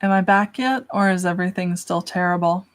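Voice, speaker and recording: A woman's voice: on the low side, fairly quick. A young woman hosting a casual livestream, chatting and answering questions from chat in a self-deprecating way.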